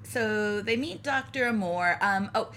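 A woman co-hosting a casual movie-review chat, quick and joking, laughing often. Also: medium pitch, a bit bright. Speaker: podcast co-host.

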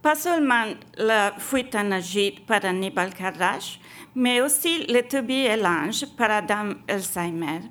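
A woman's voice: medium pitch, lively intonation, a little slow, a bit bright. A woman, a French speaker, reading a scripted academic lecture as an exhibition curator, careful and stumbling a little over words. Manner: foreign-accented, non-native French, careful reading with stumbles.

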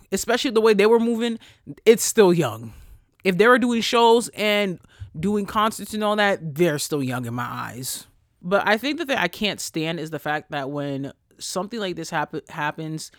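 A high-voiced man hosts a casual solo podcast, speaking close to the mic in a dry, deadened room with no audible room sound. He rants animatedly and profanely, lurching between loud outbursts and quiet asides. He comes from a Haitian family.

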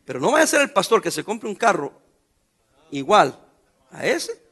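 A middle-aged man preaching a sermon, his voice high for a man, bright and gravelly. He jokes, turns sarcastic and talks in everyday slang to the congregation. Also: sing-song, moderate pace. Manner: sarcastic, joking, colloquial preaching. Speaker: pastor.

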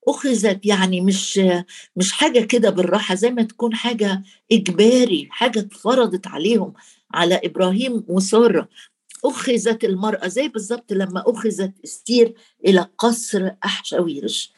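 A woman's voice: mid-range voice, brisk, darkish tone, slightly rough. A woman with an Egyptian Arabic accent preaching a Bible teaching sermon. She speaks in colloquial dialect, talks straight to her listeners and quotes scripture in formal Arabic. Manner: colloquial, addresses listeners directly.

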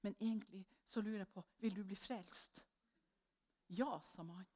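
A middle-aged woman preaching a sermon, telling a personal story with lively swings in pitch and loudness as she acts out the voices in it.

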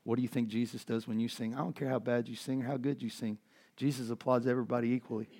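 This sermon comes from a middle-aged pastor whose medium-pitched voice is flat, fast, and somewhat dark, and audibly worn from overuse. He preaches earnestly and conversationally, with plenty of fillers and restarts.

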